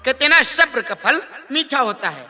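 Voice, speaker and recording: Man playing high-pitched wicked stepmother queen, echoing stage. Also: very animated. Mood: sly, coaxing. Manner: wicked stepmother, gloating, drawn-out menacing delivery. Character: scheming wicked stepmother queen, seductive, cruel, ruthless. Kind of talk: Nautanki folk stage melodrama. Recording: echoey stage sound system, loud music.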